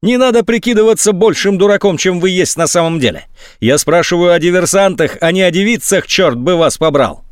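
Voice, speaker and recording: A man reading a story aloud, voicing a scornful army general who mocks his subordinate in a high, sneering voice. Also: sing-song, fairly quick, no echo, clean studio sound. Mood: shrill angry. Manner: mocking, sneering, sometimes shrill. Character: sarcastic, scornful male army general on phone.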